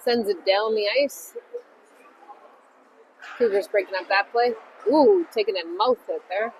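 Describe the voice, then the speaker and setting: Cheering for her team, a woman offers chatty amateur hockey commentary at a medium pitch and measured pace. The recording is from an ice rink and full of noisy rink ambience.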